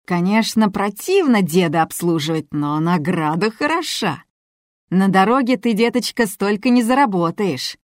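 A woman reading as a brash woman who taunts loudly and coarsely. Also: mid-range voice, lively intonation, normal speed, no room sound, studio quality, close to an everyday voice. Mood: taunting.

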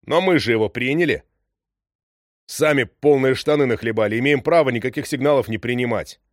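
A man voicing a calm ship's radio operator who talks in a matter-of-fact way. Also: medium pitch, brisk, dry recording, studio quality, lightly acted.

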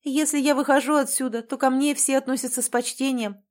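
A woman's voice: high-pitched, steady tone, a little fast, pitched above the performer's own voice, lightly acted. A woman voicing an emotional young woman, a sister who exclaims and sighs, in an audiobook. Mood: sad. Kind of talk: audiobook character voice.

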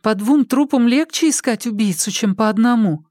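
A man's voice: very high-pitched, moderate pace, a little mellow, dry recording, clean studio sound, voice pushed up. A man voicing an anxious, impulsive young woman who keeps pleading and asking questions in an audiobook.

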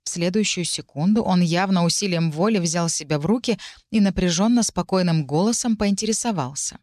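A woman reads a first-person fantasy audiobook in a low, measured voice. Her telling stays even and steady. The recording is dry and close, with no echo. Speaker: audiobook narrator.

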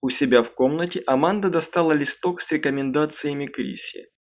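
A man narrating an audiobook in a calm, measured storytelling voice. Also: on the high side. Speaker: audiobook reader.

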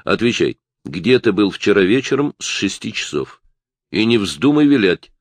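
A man's voice: fairly low pitch, very animated, normal speed, dry recording. A man voicing a blunt, tough police detective who questions a suspect in an audiobook. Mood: stern. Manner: blunt, interrogating.

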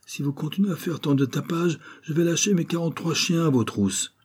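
A man reading an audiobook voices a tall, grumpy old animal-stuffer who shouts threats from a window, then chatters fussily to his guest. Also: medium pitch, fairly quick, husky, pitched above the performer's own voice, close to an everyday voice. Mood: angry shouting.

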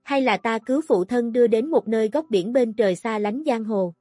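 A woman narrating a martial arts story in a measured, dramatic reading. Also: fairly high pitch, mellow, no room sound. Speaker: audiobook narrator. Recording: dry close recording with faint music.

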